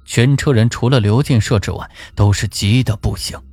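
A man narrating a folk ghost story in an expressive, suspenseful way. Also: mid-range voice, normal speed, breathy edge. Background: faint music.

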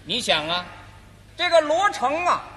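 A man's voice: very high voice, very animated, measured pace, pushed and bright, in a large hall. A man as the crosstalk straight man, asking questions and firing back skeptical retorts. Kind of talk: live crosstalk banter.

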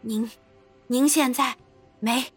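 A woman's voice: fairly high pitch, steady tone, slow pace, slightly rough, soft background music. A woman voicing a flustered, out-of-breath male detective who stammers his apology in a storybook reading. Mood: stammering apology.

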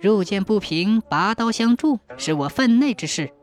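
Narrator doing poised young goddess-like rescuer, soft music behind. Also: medium pitch, normal speed, lightly acted. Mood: calm. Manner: commanding, calm. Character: serene heroic young woman, divine rescuer.

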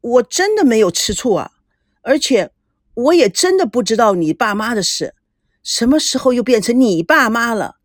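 A woman's voice: a little high, lively intonation, normal speed, dry recording, clean studio sound. Woman voicing an awkward, guilty young man. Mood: hesitant, defensive. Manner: hesitant, defensive.

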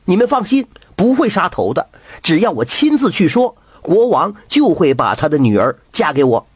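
A man voicing a cheeky young frog who talks like a person, bold and sure of himself, with a husky voice. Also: high voice, sing-song, moderate pace, no room sound, clean studio sound, pitched above the performer's own voice, heavily acted. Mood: cocky.

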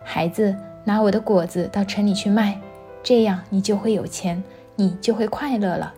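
A woman voicing a gentle, loving tree in a children's storybook reading, speaking softly and tenderly. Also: medium pitch, steady tone, moderate pace, faint music behind, close to an everyday voice.

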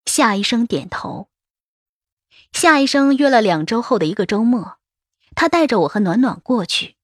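Woman, audiobook narrator, wistful storytelling, husky, higher voice. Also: very animated, moderate pace, dry recording, clean studio sound. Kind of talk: first-person novel narration.

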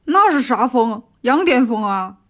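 Woman putting on a male pig-man monk, dim, greedy, whiny, jokey, lively pitch, children's audio story. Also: measured pace, heavily acted. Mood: grumbling.

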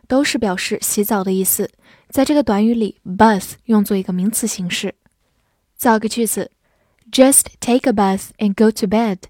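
A woman teaching English vocabulary, explaining each word clearly, spelling it letter by letter and reading example sentences slowly. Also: medium pitch, a little mellow, no room sound, studio quality. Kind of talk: vocabulary lesson.

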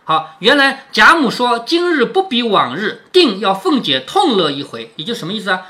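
A man's voice: sits high, bright, forceful tone. A man reading a classic novel aloud and explaining each passage, often asking the listener whether they follow. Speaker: reader and commentator of a classic novel.

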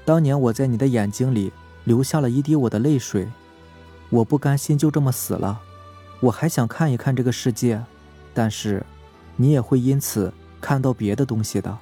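A man voicing a sorrowful drowned young ghost girl in a horror story, speaking softly and plaintively. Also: mid-range voice, moderate pace, slightly rough, faint music behind, close to an everyday voice. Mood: mournful. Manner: soft, plaintive, confessing.

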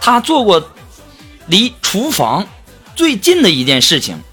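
Lively man telling jokes over music. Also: high-pitched, a little slow. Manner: animated, laughing at own jokes. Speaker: comedy show host. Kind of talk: joke telling for a radio-style show.

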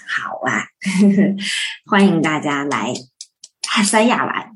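A woman sharing her experience informally on a video call, halting as she searches for words. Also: sits low, very animated, fairly bright tone, a little hiss or hum. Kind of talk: informal testimonial.

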